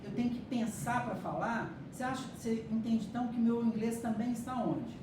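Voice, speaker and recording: Lively and brisk, with a fairly high pitch, this woman gives a classroom lecture on hypnosis and neuroscience, walking through each step and making sure her students follow. A distant mic in an echoey room picks her up along with audible noise.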